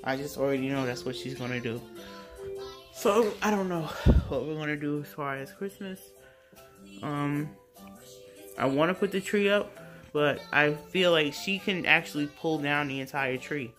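A woman's voice: deep voice, moderate pace, fairly bright tone, faint music behind. A woman in her thirties chatting casually in a home vlog while cleaning her apartment, rambling with fillers. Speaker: mom vlogger. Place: home apartment kitchen and living room. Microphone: phone camera held close or propped.

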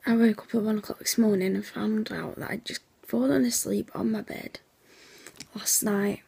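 A young woman chatting casually in a vlog, her voice hoarse and nearly gone, half-whispering and sleepy, rambling with lots of fillers. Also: medium pitch, fairly even intonation, normal speed, warm tone. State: sleepy, yawning. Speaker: vlogger.

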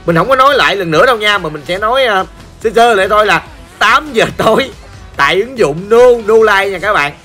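A hoarse man with a Southern Vietnamese accent, chatting playfully through gameplay commentary and ribbing his viewers. His voice sits high and sounds bright, with faint music under it. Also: expressive, a little fast. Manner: playful, joking, talks straight to viewers. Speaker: gaming channel host. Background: faint background music.

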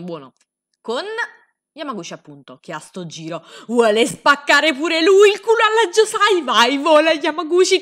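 A young woman giving an excitable, sarcastic comedic recap, swearing freely as she reacts. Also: sits high, noisy background. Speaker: anime recap host.

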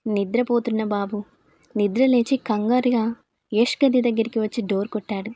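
Mellow woman narrating a dramatic story. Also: on the high side, fairly even intonation, normal speed, no room sound. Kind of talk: scripted narration.

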